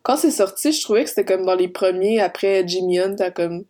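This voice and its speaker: A woman's voice: medium pitch, brisk, warm tone. A young woman with a Quebec French accent, co-hosting a casual podcast chat full of slang and laughter. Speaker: podcast co-host.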